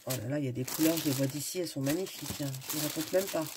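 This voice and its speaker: A woman's voice: deep voice, very fast, background noise. A woman with a stuffy nose, chatting casually and enthusiastically while unboxing, often searching for words. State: stuffy, sniffling. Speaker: craft video host.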